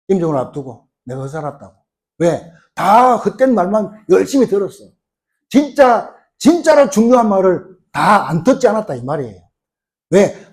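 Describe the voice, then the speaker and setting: A man's voice: sits high, a little mellow. A middle-aged man preaching a sermon as pastor, emphatic, often putting rhetorical questions to the congregation.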